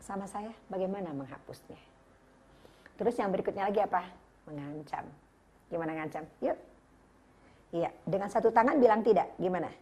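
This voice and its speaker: An older woman, giving a parenting seminar to an audience and acting out how parents scold their children. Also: medium pitch. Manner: lively, acts out parents' scolding voices and addresses the audience directly. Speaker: parenting educator.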